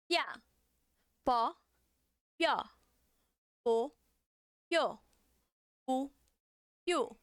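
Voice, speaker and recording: A young woman with a Brazilian Portuguese accent gives a beginner language lesson in a high, smooth voice. She speaks slowly and patiently, sounding out syllables one at a time for learners to repeat. The recording is dry and close. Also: a bit bright, dry recording. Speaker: Korean language teacher.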